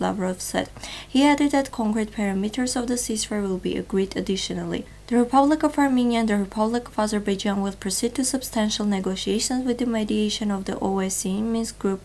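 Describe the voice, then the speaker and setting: A young woman presenting a read news bulletin in a television studio, in a steady, formal newsreading manner. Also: medium pitch, slight background noise.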